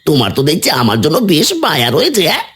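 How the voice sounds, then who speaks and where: Cartoon: male actor as a smug village schemer, bossy and teasing, swinging pitch. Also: wildly swooping pitch, racing, a bit bright, husky, full character voice. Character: scheming, smug village husband, jealous of neighbors.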